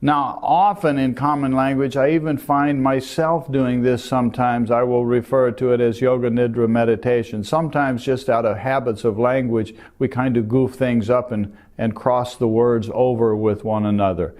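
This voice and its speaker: An older man teaching meditation, explaining calmly and gently while pointing to a diagram. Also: mid-range voice, normal speed, few pauses. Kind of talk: calm spoken lesson.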